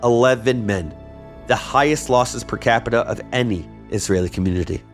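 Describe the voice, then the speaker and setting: A man's voice: medium pitch, normal speed, soft background music. A man hosting a history podcast, narrating a script with wry, conversational asides. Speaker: podcast host.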